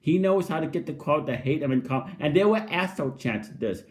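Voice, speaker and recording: Higher-voiced man, halting wrestling recap. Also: lively intonation. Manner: halting, repeats and restarts phrases often. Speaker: wrestling show reviewer. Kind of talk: casual spoken episode recap and review.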